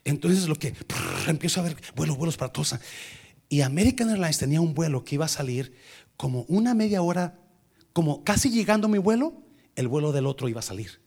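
Animated preacher, gravelly voice. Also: male voice, on the high side, quick pace. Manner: animated, mixes English into Spanish, acts out dialogue. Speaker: preacher telling a personal story. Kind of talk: sermon storytelling.

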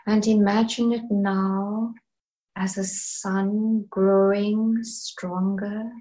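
A woman leading a guided meditation in a soft, soothing, breathy manner, leaving long pauses between phrases. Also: mid-range voice, highs cut off. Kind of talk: slow guided meditation narration.

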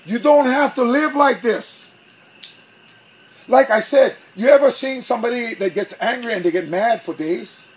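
Flavored pastor guy preaching, pretty high voice for a man, lots of energy, acts stuff out. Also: moderate pace, rough recording. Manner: animated preaching, acts out little scenes. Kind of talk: sermon.

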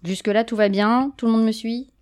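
A woman's voice: a little high, fairly even intonation, fairly quick, darkish tone, smooth. A woman presenting a humorous popular science talk, with playful jokey asides to the audience.

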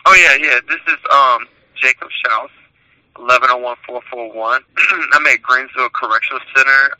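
A man's voice: medium pitch, bright, forceful tone, smooth. A man calling from prison on a prison phone line, talking earnestly and reading out an essay he wrote. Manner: earnest, reads out his own written essay. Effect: speaking over a prison phone line. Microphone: prison telephone.

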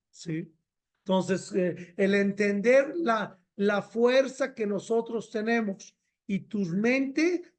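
Middle-aged rabbi, high voice, animated repetitive sermon delivery. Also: male voice. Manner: animated, repetitive, mixes in Hebrew phrases.

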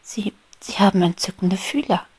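A woman voicing a shy, eager little female bee in a whispered storybook role-play, speaking softly. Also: medium pitch, normal speed, slightly rough, no echo, lightly acted. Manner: soft-spoken, delighted exclamations.

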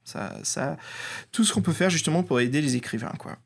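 A man with a French accent co-hosting a podcast in a relaxed, chatty way, often hesitating with fillers. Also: fairly high pitch, fairly quick, vocal fry, slightly rough. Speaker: podcast co-host. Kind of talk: casual chat.

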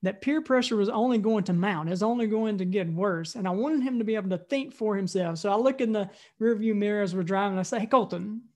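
A man preaching a sermon, telling a family story with lively acted-out dialogue and then reading scripture aloud. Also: sits high, fast talker, few pauses. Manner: animated storyteller, voices the people he quotes. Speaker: pastor.

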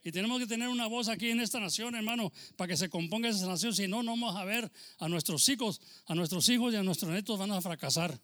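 A Mexican American pastor from the United States preaches a fervent Spanish sermon full of amens and "hermano," slipping into English phrases and telling a joking story. His high-pitched voice is sharp, quick, with few pauses.

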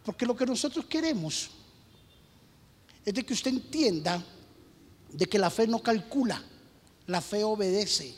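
A man preaching a sermon as pastor, telling a story with questions to the congregation and swinging from hushed asides to emphatic shouting. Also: sits high, animated, a little slow, long pauses, breathy edge, long reverb tail.

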